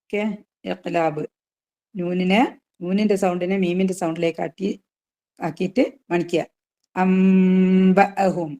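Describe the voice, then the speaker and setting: A woman's voice: lowish voice, steady tone, darkish tone, dull audio. Patient woman teaching Quran recitation. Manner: patient, asks students questions, drawn-out recitation examples. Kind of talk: online tajweed class.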